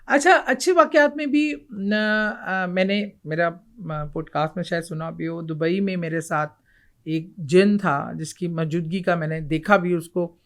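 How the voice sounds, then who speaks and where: A middle-aged woman from Pakistan recounts a ghost story as an interview guest. She tells it vividly, acting out voices and quotes as she goes. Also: on the low side. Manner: animated, vivid retelling with acted quotes.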